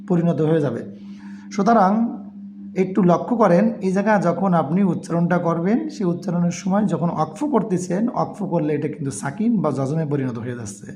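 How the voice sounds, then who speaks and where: Guy teaching quran letter by letter, slightly high voice, faint hiss in the back. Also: a little mellow. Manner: spells each letter and vowel aloud, then recites slowly. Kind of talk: step-by-step Quran reading lesson.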